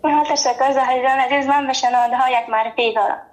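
A woman with an Afghan accent and Pashto as her mother tongue speaks in a very high-pitched voice. She chats as a regular caller on a radio phone-in, effusive and openly affectionate in her way of talking. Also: fairly even intonation. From Farah province, Afghanistan. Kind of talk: casual radio phone-in chat.

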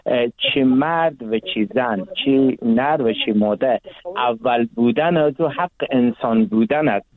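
A man, a guest on a radio interview, explaining religious law at length in a lecturing way with frequent hesitations. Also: mid-range voice. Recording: tinny phone line.

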